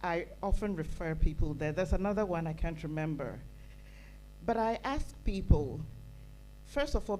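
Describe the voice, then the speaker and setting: Speaking from the conference floor, this audience member from Ghana has a lowish, warm voice and talks earnestly and emphatically, using repetition to build her message. She holds a handheld microphone in the conference hall. The recording is poor, carrying some hiss or hum.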